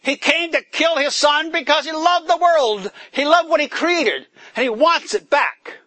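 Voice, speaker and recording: A man with a high voice delivers an unhurried sermon at a church gathering in the woods, rising into forceful, emphatic bursts, stressing key words and questioning the congregation. The sound is close and dry, with no room around it.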